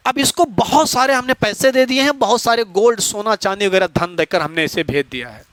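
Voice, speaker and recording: A man's voice: sits high, a little fast, a bit bright, no room sound. A man teaching an exam-prep lecture, explaining step by step and asking rhetorical questions of his students. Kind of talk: classroom lecture.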